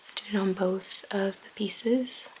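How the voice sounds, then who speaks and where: A woman whispers her way through a card-making tutorial, taking her time and pausing often to think aloud. Her voice sits at a middle pitch, and a steady hiss runs under the recording. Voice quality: whispering softly. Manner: slow, hesitant with many ums, thinking aloud. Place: home crafting desk, baby asleep nearby.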